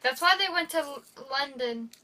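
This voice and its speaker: High, bright woman quipping from afar. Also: expressive, moderate pace. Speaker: movie reviewer. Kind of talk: casual chat. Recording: distant mic with faint noise.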